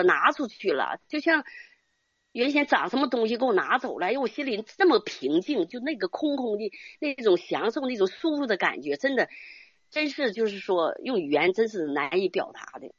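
This is a casual spoken testimony from an older woman in the church, earnest and rambling, with little tag particles often finishing her phrases. Her voice sits a little high with a breathy edge. The audio is dry and the highs are cut off.

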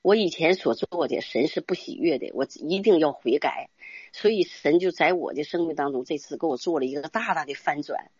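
A woman's voice: deep voice, brisk, a little mellow, slightly rough, dry recording, highs cut off. An older woman giving an earnest, rambling religious testimony, often ending phrases with little tag particles. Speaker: church member giving testimony. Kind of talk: casual spoken religious testimony.

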